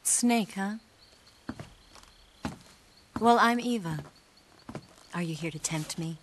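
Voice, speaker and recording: Eva, actress as a cool spy, noisy background. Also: female voice, medium pitch, takes it slowly, lightly acted. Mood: confident, teasing. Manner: self-assured, teasing. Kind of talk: video game cutscene acting. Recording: loud noise behind the voice.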